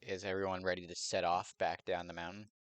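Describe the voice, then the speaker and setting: A man's voice: sits low, little pitch movement, quick pace, fairly bright tone, clear, resonant tone. A man running a tabletop game as game master, teasing his players dryly and slipping into a mock-formal tone.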